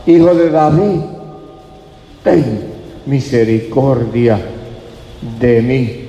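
A man's voice: fairly high pitch, measured pace, creaky, warm tone, echoey room, long reverb tail, dull audio. A man voicing a blind adult male beggar, pleading and crying out to be heard.

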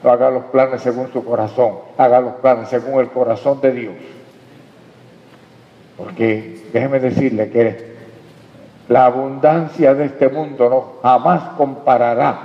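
A man preaching a sermon with emphatic swings between loud and quiet. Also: medium pitch, fairly even intonation, unhurried. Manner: emphatic preaching, rises and drops in loudness. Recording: dull sound in a reverberant hall.

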